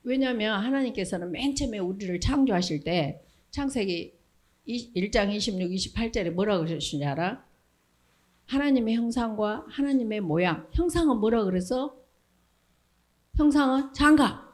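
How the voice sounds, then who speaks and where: A woman's voice: medium pitch, moderate pace. A middle-aged woman giving a Sunday school sermon, quizzing children with questions and acting out little voices. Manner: animated question-and-answer with children, acts out voices. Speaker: children's ministry preacher.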